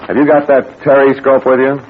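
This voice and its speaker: A man's voice: mid-range voice, completely flat delivery, a little fast. An actor playing a tough, wisecracking male adventurer in 1940s radio-serial style, breezy and bossy, heard as an old radio show. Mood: commanding. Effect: old radio show sound. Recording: tinny old radio broadcast with faint hiss.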